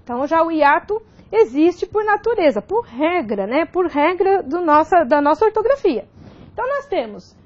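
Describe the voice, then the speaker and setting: A Brazilian woman gives a recorded grammar lesson, her high voice rising and falling with lively emphasis. She explains each point step by step and keeps checking in with short tag questions. The sound is a little dull and lo-fi. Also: moderate pace. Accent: Brazilian Portuguese. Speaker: grammar teacher.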